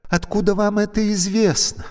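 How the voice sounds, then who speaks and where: A man voicing a panicky woman trapped in a lift, shrill, loud and frantic. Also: level tone, normal speed, clean tone, big-room sound, lightly acted.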